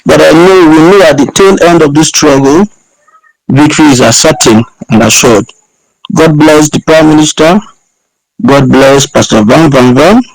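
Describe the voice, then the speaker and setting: Guy calling in w a rough fry-ish voice, all fired up, rallying everyone. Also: on the high side, moderate pace, no room sound, rough recording. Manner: fervent, rallying. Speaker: caller. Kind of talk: impassioned call-in speech.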